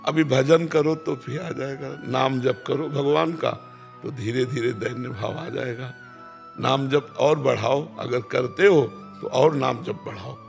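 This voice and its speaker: A man, calmly answering devotional questions as a spiritual teacher and repeating key phrases. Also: mid-range voice, vocal fry. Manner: calm, repeats key phrases, chants verses slowly.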